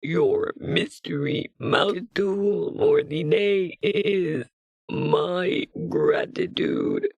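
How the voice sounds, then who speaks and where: An actor voicing a broken-down dying robot whose corrupted voice breaks into halting, stuttering glitches. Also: mid-range voice, wildly swooping pitch, vocal fry, a little mellow, no echo, heavily acted. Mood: tender. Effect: rusty, crackly robot voice.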